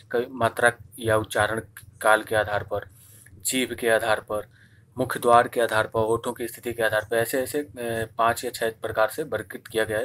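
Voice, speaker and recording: Guy teaching an exam prep class, keeps repeating stuff, asks a question then answers it himself, drags out vowel sounds. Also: mid-range voice. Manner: drawn-out vowel sounds when demonstrating. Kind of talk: exam-prep grammar lesson.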